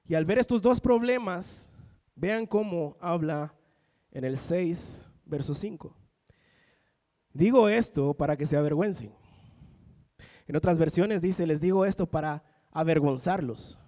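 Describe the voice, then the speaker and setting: A young man gives a sermon from the pulpit, his voice set fairly high. He builds his points with rising emphasis and briefly acts out the people he quotes. The sound carries a long church reverb. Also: unhurried, long pauses, warm tone. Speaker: pastor.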